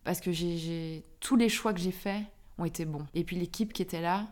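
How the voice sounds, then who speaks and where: A woman in her thirties with a Belgian French accent, telling a personal story as a podcast guest, animated and often laughing. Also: lowish voice, normal speed. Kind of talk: casual chat.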